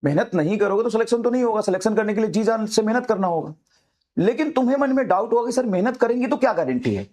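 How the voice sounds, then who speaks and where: A man, a teacher, giving a fiery motivational talk to students, repeating his urgings over and over and dropping low and soft for emphasis. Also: animated, fast. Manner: fiery, repetitive exhortations.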